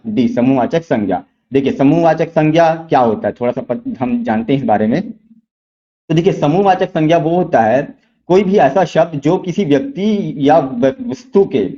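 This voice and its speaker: A man teaching exam-prep lessons, walking through quiz questions step by step, asking rhetorical questions and repeating key answers slowly. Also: mid-range voice, muffled recording.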